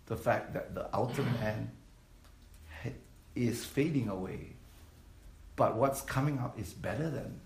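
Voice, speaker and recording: A man's voice: lowish voice, darkish tone, echoey room. A man, preaching a sermon as pastor in a conversational way and putting questions to the congregation. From Malaysia. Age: 50s. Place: church.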